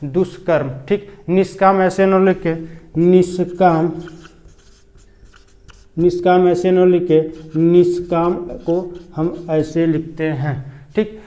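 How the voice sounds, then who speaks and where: Male grammar tutor for an exam-prep lesson, high voice with a flat, even delivery, repeats drills patiently. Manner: repeats words slowly, asks and answers his own questions. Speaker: Hindi grammar teacher.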